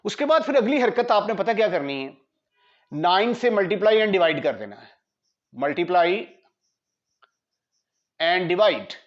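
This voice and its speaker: Slow-talking Pakistani maths teacher. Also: male voice, sits high, big pitch swings. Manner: slow, mixes Hindi-Urdu with English maths terms; asks students rhetorical checks. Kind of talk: classroom lecture. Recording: dull lo-fi lecture audio.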